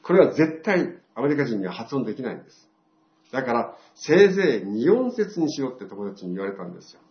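An older man gives a lively testimony to a church congregation, telling his story and acting out quoted dialogue. His medium-pitched voice runs a little fast, and the recording is echoey, muffled, roomy and lo-fi.

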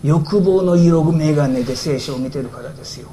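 A man's voice: a little high, moderate pace, warm tone, slight background noise. A male pastor giving a conversational sermon, explaining with rhetorical questions and asides.

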